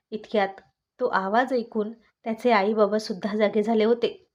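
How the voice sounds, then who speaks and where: Woman storyteller, romance narration, expressive, animated, fairly high voice. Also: dull audio.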